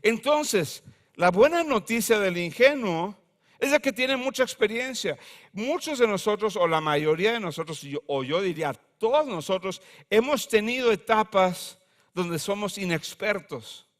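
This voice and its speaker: A pastor preaching a conversational sermon with humor and slang. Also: male voice, high voice, expressive, a little slow.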